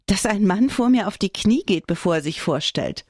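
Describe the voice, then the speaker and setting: A woman's voice: medium pitch, moderate pace, slightly rough, dry recording. Clara, a dry, wry older woman read by a woman. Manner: dry and deadpan.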